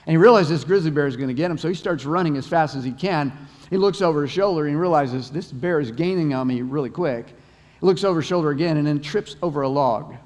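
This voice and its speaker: A man's voice: a little high, fast, darkish tone. A male pastor preaching a sermon in a conversational way, often repeating words as he tells stories, in a church auditorium. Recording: long hall reverb.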